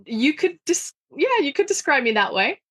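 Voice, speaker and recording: A woman's voice: high-pitched, very animated, normal speed, fairly bright tone. A woman from Spain, a guest on a podcast, talking in a friendly, polite way.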